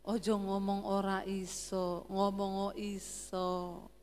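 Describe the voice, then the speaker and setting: A woman voicing her mild, easily startled Javanese husband, with a Javanese accent and gentle, slow pleading. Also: medium pitch, level tone, slight background noise, voice pushed down, natural voice. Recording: echoey church hall with faint music.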